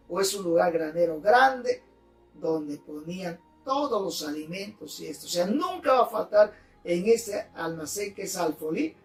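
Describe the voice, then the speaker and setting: A male pastor giving a teaching sermon, fervent and deliberate, repeating and spelling out key words. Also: sits high. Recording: roomy, distant mic, faint music.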